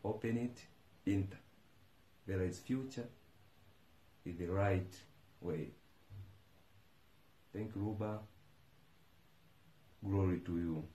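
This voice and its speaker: A man's voice: sits low, slow, long pauses, dark tone, a little hiss or hum. A young Tanzanian man giving a fervent, prayerful testimony with repeated praise, seated in a living room. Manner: fervent, declaring, repetitive praise. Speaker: church member giving testimony. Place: indoors on a sofa in a living room. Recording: echoey room.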